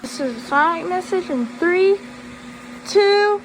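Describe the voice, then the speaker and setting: Casual demo host, high-pitched and very animated, recorded in a noisy room during alarm tests. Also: takes it slowly. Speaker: host demonstrating fire alarm equipment. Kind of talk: casual demonstration.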